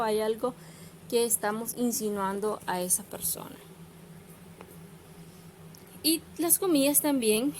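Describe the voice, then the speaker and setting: A woman's voice: on the high side, darkish tone, slight background noise. A woman teacher, patiently explaining punctuation to students.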